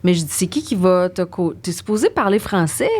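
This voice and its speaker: Québécois actress, brisk and chatty. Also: female voice, lowish voice. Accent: Québécois French. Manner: brisk anecdotal, lively recounting. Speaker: guest actress. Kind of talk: casual conversation.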